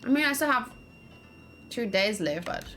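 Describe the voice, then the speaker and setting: Over soft background music, faint noise and keyboard typing, a woman streams a game and thinks aloud in brief, musing bits of casual let's play commentary. Her voice is fairly high, animated and a bit bright, at normal speed.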